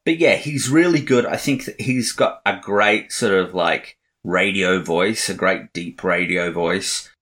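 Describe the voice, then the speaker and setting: He co-hosts a podcast, offering rambling, opinion-heavy movie review talk peppered with fillers while recording. The voice is deep and a bit bright, unhurried yet with hardly any pauses.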